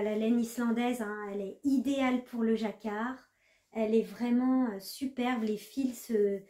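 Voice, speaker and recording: A woman's voice: a little high, dark tone. A woman knitting vlogger chatting casually to the camera, hesitant, with many fillers. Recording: echoey room.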